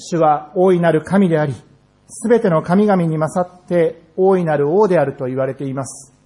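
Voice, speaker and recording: A man preaching a sermon in a church, earnest and measured, slowing down on key phrases. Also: on the high side, dark tone. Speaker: pastor. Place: church sanctuary.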